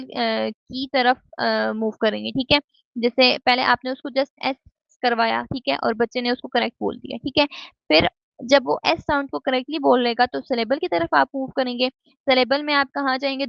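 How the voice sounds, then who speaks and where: A woman's voice: a little high, creaky, no room sound. A woman giving a recorded lecture. She explains step by step, mixes in English terms and keeps checking with "theek hai?". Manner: mixes English terms into Hindi-Urdu speech. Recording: dull, dry lo-fi recording.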